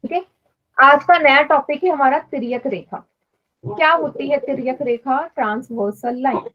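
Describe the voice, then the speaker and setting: A woman's voice: high voice, normal speed, lo-fi sound. A woman teaching math in a live online class, patiently explaining and quizzing students. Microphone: online class stream.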